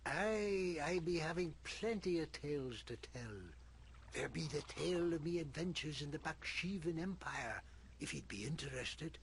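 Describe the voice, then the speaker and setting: A gruff old fisherman from a video game, grumbling and spinning yarns in salty sailor speech. His voice is soft and relaxing, pitched a little higher than most men's. Faint noise and ambience sit behind him. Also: lively intonation, moderate pace. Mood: wistful, yarning. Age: older. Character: gruff old sailor, grumpy storyteller mending nets. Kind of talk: video game character acting.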